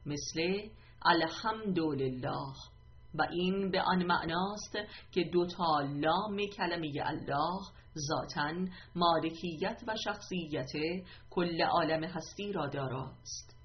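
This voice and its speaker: A woman with a somewhat low voice reads a religious text aloud, steady and deliberate, pausing to count off numbered points. The recording sounds dull and muffled. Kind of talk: scripted reading.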